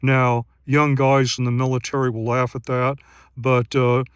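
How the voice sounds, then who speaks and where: Man in his sixties, outdoor gear vlogger, mid-pitched and methodical with lots of "uh" fillers, slightly winded, dry close sound. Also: clear, resonant tone, no room sound. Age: 60s. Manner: steady, methodical, with frequent pauses and "uh" fillers. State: out of breath after running. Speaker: gear reviewer and search-and-rescue volunteer. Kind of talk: outdoor field vlog narration. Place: outdoors on night trails in grasslands.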